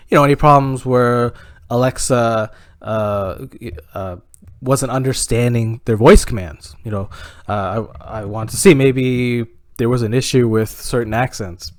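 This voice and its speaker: A man's voice: medium pitch, no echo, studio quality. A Canadian man telling a stand-up comedy story in a rambling way, full of "you know" fillers and laughing at his own jokes.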